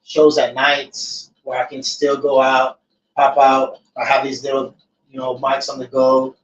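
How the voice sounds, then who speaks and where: A man's voice: medium pitch, completely flat delivery, measured pace. A man hosting a casual podcast chat, laid-back and swearing freely as he tells stories. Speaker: podcast host. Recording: echoey, distant, dull room mic with faint noise.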